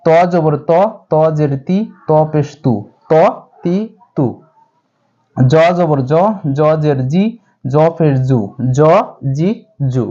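A man teaching a step-by-step recitation lesson to viewers, drilling syllables slowly with much repetition. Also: fairly high pitch, mellow, dull audio. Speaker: Quran reading teacher.

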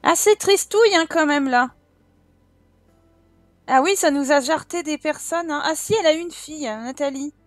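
A woman hosting a casual let's-play, chatty and expressive, full of exclamations and filler words. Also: high-pitched, normal speed, pauses often, dry recording, faint music behind. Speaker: gaming channel host.

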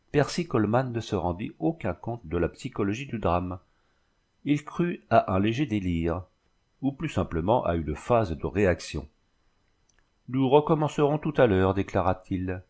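A man reading a novel aloud as an audiobook narrator, in a measured, even way. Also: on the low side, slightly rough. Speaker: audiobook reader.

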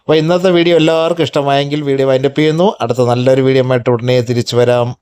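A man's voice: medium pitch, fairly even intonation, rapid-fire, a little mellow, smooth, no echo, clean studio sound. A man narrating a pet vlog in a casual, chatty voice-over, talking straight to the viewers. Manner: chatty, addresses viewers directly.

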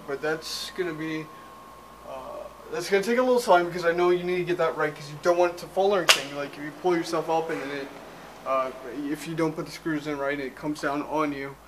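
A young male vlogger chats loosely and rambles with plenty of ums and uhs, his voice a little high for a man. Walking around a small indoor spare bedroom with the camera at arm's length, he talks over faint room ambience and a noisy background.

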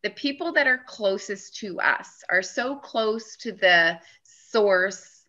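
A woman hosting a podcast, speaking in an affirming tone and building her points through repetition. Her voice is bright and sharp at a middle pitch. The recording is muffled and lo-fi. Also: animated, slow pace. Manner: warm, affirming, emphatic repetition. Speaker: podcast host. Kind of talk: casual interview chat. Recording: dull lo-fi audio.

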